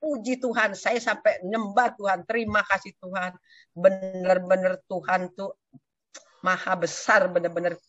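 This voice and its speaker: Older woman sharing a lively testimony. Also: medium pitch, a little slow, no room sound. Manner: animated storyteller who acts out quoted speech. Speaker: church community member giving a testimony. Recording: dull, dry lo-fi recording.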